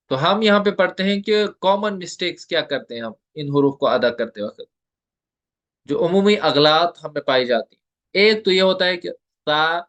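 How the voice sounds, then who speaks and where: A man giving an online tajweed lesson, explaining step by step and slowly repeating the letter sounds for his students. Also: fairly high pitch, fairly bright tone. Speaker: Quran recitation teacher.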